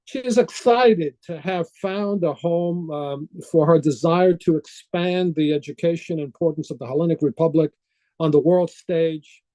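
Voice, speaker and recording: Mellow-voiced host doing a measured intro read, dry close sound. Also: medium pitch, dry recording, rough recording. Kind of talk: reading a guest introduction.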